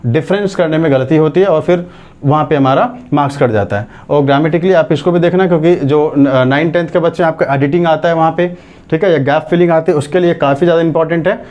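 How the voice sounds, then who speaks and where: Higher-voiced man teaching English grammar. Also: a little mellow. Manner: explains step by step, asks checking questions; dictates English sentences word by word. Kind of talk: classroom lecture.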